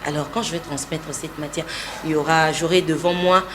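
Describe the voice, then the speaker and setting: A woman's voice: low-pitched, fairly even intonation, a little fast, noisy background. A woman, a voice-over artist, explaining her craft steadily and confidently in an interview. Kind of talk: interview conversation.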